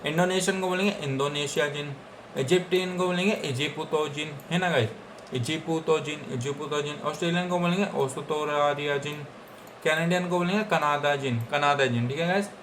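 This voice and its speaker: A man's voice: a little high, fairly quick, a bit bright, slight background noise. Man teaching Japanese words in Hindi. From India. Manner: repeats each word several times, with frequent "theek hai guys". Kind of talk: casual Hindi language lesson.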